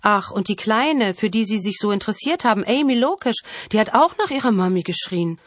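A woman's voice: medium pitch, animated, a little fast, no echo, voice pushed up, lightly acted. A woman voicing a grown male killer who sneers and taunts, savoring his power, in a dry, close reading. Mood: taunting.

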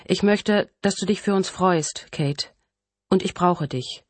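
A woman's voice: on the low side, takes it slowly, no echo, pitched above the performer's own voice. A woman voicing an infatuated adult sister who pleads and coaxes insistently in an audiobook. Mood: coaxing. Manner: insistent, coaxing.

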